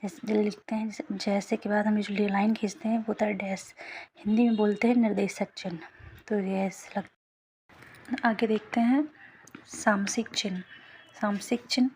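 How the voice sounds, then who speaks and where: A woman's voice: medium pitch, steady tone, moderate pace, a little mellow, a little hiss or hum. A young woman teaching a Hindi grammar lesson, patient and often half-whispering, checking in with her students as she goes. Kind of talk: explaining a lesson.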